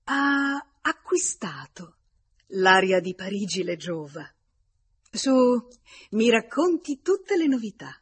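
A woman reading aloud, giving voice to a lively young lady who exclaims brightly and speaks up over the narration. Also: unhurried, husky, dry recording, full character voice. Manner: bright, exclaiming, louder and higher than the narration.

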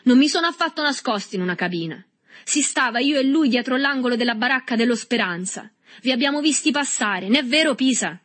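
A woman voicing a violent, furious teenage boy who shouts and sobs in anger. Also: fairly high pitch, lively intonation, fairly quick, voice pushed up. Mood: defiant.

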